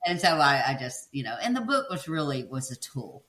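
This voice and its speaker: A woman guest in casual interview chat, an animated storyteller who acts out quotes in a high playful voice and laughs often. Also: brisk, reverberant. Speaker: guest, author and seminar speaker.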